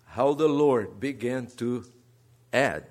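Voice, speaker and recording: A seminary teacher from Brazil, visiting as a guest preacher, takes his earnest sermon slowly in a medium-pitched voice with a Brazilian Portuguese accent. He moves between soft asides and emphatic rises.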